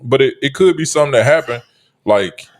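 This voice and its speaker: A man's voice: medium pitch, a little fast. A man co-hosting a podcast in casual chat, often stammering and restarting his sentences. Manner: stammering restarts, lively delivery. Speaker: podcast co-host.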